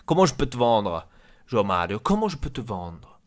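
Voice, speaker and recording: A man's voice: mid-range voice, big pitch swings, moderate pace, lightly acted. A man voicing a blunt, crude male football club boss who scolds his players, in an Italian accent. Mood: scolding.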